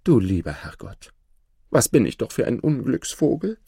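A man's voice: medium pitch, very animated, moderate pace, creaky, mellow, husky, dry recording, clean studio sound, voice pushed up, full character voice. A man voicing a naive, cheerful young simpleton who speaks eagerly and earnestly.

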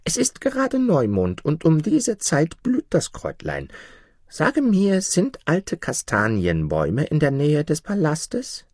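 A man doing a gentle storybook goose, a clever helpful female bird who speaks softly and reassuringly. Her voice sits high, with lively, rising and falling melody and a close, dry sound. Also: slow, no echo, full character voice.

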